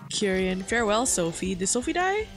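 A woman's voice: medium pitch, lively intonation, normal speed, faint music behind. A woman playing a co-op game with the host, chatting casually with dry teasing humor. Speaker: co-op player, guest. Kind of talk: casual gameplay chat.

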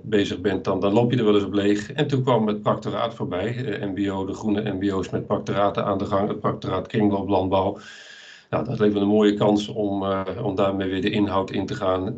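A man in his fifties lectures over a video call in a measured, explanatory way, talking his audience through slides. His voice sits fairly low. The call audio is dull and lo-fi. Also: a little mellow. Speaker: lecturer presenting a webinar. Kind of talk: webinar presentation with slides.

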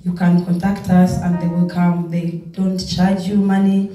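Host introducing guests over music. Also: female voice, lowish voice, level tone, a little slow, mellow, far from the mic. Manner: mixes English with German. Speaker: event host. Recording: echoey hall with music behind.

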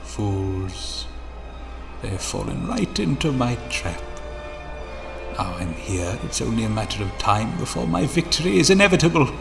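An actor playing an arrogant, scheming alien villain in a fan audio drama, with a creaky voice and a pompous, theatrical manner. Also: male voice, on the low side, sing-song, normal speed. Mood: gloating. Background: dramatic music.

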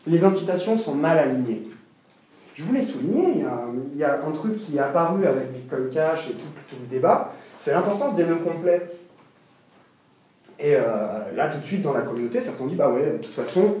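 A man lecturing to a seminar with a swinging, animated delivery and a mellow, soft-edged tone. He restarts his sentences and throws in emphatic asides as he goes. He is recorded from far off in a very echoey room. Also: a little high.

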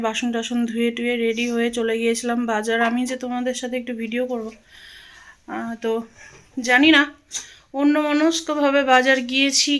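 A woman's voice: a little high, slight background noise. A middle-aged woman from Bengal chatting casually in her home vlog, loose and rambling, a little out of breath. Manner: chatty, loose, with fillers and pauses. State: out of breath after walking. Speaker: vlogger.

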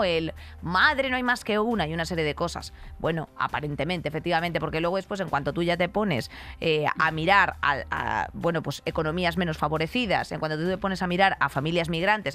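A woman in her thirties with an accent from Spain co-hosts a podcast in an indoor, radio-style studio, offering rambling, colloquial, blunt and opinionated commentary in conversation. Her voice is fairly low and a bit bright, picked up by a studio microphone on a desk stand.

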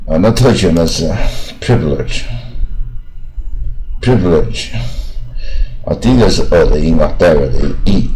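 Very deep-voiced male pronunciation teacher. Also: mellow, low-quality recording. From Taiwan. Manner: repeats each word slowly, sentences often trailing with "啊".

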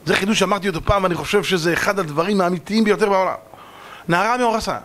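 A man, a rabbi, giving a dramatic sermon to an audience, acting out parables and sometimes shouting. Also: high voice, slight background noise. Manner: dramatic, acts out parables in many voices.

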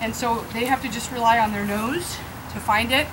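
Speaking at a moderate pace in a slightly high voice, a woman explains her dog training approach step by step while outdoors on grass. It's an instructional explanation, and outdoor sounds run in the background.

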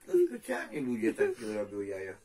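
A man's voice: on the low side, wildly swooping pitch, normal speed, a crowd in the background. Coarse, swearing man in street talk.

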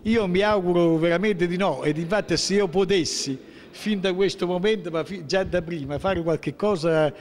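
This is a sixties-aged man, a local political figure with a central-southern Italian accent of southern Lazio, interviewed on the spot in a public building's indoor hallway. A handheld microphone is held toward him, catching a high, darkish voice in a large hall over slight background noise. His speech is emphatic and full of grievance, breaking off and restarting with repeated rhetorical questions.

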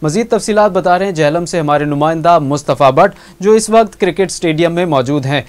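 A male news anchor, reading a formal scripted introduction in a TV studio. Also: a little high. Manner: formal, measured.

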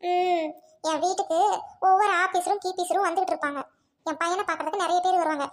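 A woman playing a domineering rich mother-in-law, very high and bossy. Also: steady tone, quick pace. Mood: scornful. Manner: bossy, scolding, harsh commands. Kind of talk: amateur Tamil family drama acting.

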